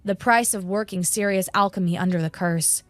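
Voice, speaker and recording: A woman narrating a fantasy story in a steady, measured, scripted style. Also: medium pitch, dry recording.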